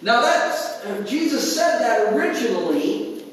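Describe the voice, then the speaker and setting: A man preaching a sermon, animated and acting out quotes in different voices. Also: very high-pitched, a little slow, a little hiss or hum. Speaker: pastor. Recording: roomy hall, distant mic.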